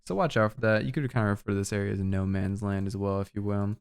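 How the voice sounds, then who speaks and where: A man's voice: lowish voice, fast, gravelly, clean tone. Breathless young man explaining game maps. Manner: relaxed, loose, filler-heavy explaining. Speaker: streamer explaining game map callouts. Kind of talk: casual game guide narration.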